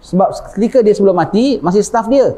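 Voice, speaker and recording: Fast and mellow, with lively intonation, this high-pitched male preacher speaks with a Malaysian Malay accent. His informal sermon is conversational, and he regularly checks on the audience by asking "ha?".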